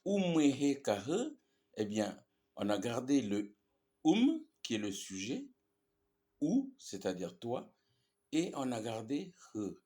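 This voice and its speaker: A man's voice: mid-range voice, huge pitch swings, slow, pauses often, warm tone. A man teaching a language lesson, explaining grammar patiently and repeating each example with frequent "ok?" checks.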